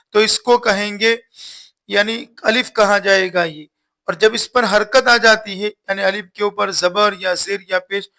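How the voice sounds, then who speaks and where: A man's voice: high-pitched, creaky, sharp tone. A man teaching Quran reading in a recorded lesson, patiently repeating instructions and sounding out the letters one by one.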